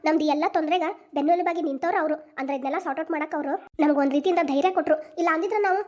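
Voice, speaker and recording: Casting note: a woman playing tender village aunts and nieces, high voice, quick, North Karnataka accent. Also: a little mellow, highs cut off, close to an everyday voice. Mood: heartfelt. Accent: North Karnataka Kannada. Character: village women of a family, emotional aunt and niece. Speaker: main voice actor of a cartoon channel. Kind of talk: cartoon family drama dubbing.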